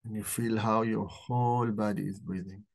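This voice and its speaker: Gravelly low-voiced man guiding meditation. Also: fairly even intonation. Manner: slow, soft-spoken guiding voice. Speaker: doctor hosting a book club. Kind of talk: guided meditation; live talk.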